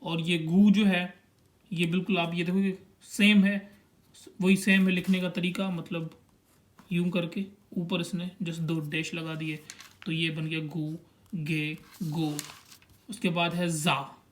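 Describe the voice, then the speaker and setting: In this clip, a young man whose voice sits quite high is teaching a language, moving slowly through the syllables on a chart he points to. He comes across as patient and even, with a slight hiss or hum underneath.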